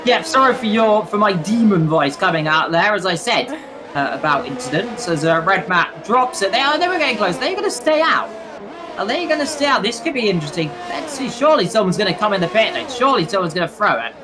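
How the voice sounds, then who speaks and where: A young man commentating a sim racing league, chatty and excitable, shouting at crashes. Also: sits high, quick pace, noisy background. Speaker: race commentator.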